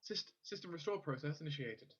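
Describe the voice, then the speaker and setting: A man's voice: fairly high pitch, brisk, lo-fi sound. A man voicing a glitching automaton. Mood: mechanical monotone. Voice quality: clearly unnatural, slightly feminine voice. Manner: flat system announcements, stuttering restarts. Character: glitching automaton waking with a synthetic voice. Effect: glitching robot voice with error messages. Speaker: game master.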